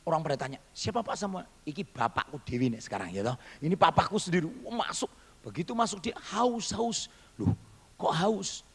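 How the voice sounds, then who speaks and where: A man's voice: a little high, animated, brisk, fairly bright tone, breathy edge, in a large hall. A male pastor telling a testimony in a sermon, animatedly acting out the voices he quotes.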